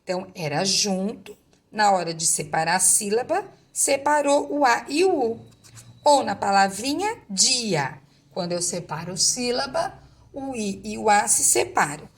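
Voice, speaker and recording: A woman's voice: medium pitch, expressive, unhurried. A woman teacher, reading a textbook lesson aloud to pupils and explaining it patiently, step by step.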